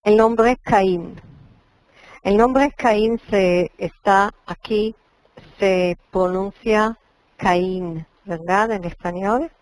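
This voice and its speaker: A woman with as her lectures on Bible studies at a slow, deliberate pace. She explains patiently and draws out words to model their pronunciation, stopping now and then with a hesitant "eh". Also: mid-range voice, rough recording. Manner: explanatory, slows to spell out pronunciations, frequent "eh" pauses. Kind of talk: lecture on Hebrew names.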